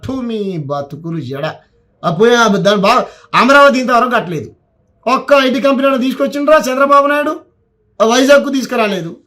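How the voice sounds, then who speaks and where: A man's voice: very high voice, fairly bright tone. A man speaking Telugu with a Telangana accent, giving a heated political rant that scolds and repeats words for emphasis. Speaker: political commentator.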